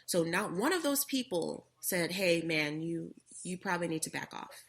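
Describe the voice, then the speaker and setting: A woman's voice: lowish voice, animated, moderate pace, creaky, a bit bright. A young adult woman co-hosting a casual talk show, earnestly telling a personal story.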